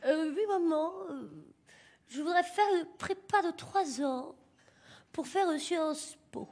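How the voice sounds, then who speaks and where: A woman's voice: very high voice, takes it slowly, a little hiss or hum. A woman voicing a prim, ambitious young son who speaks stiffly and hesitantly. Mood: pompous. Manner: stiff, hesitant, self-important.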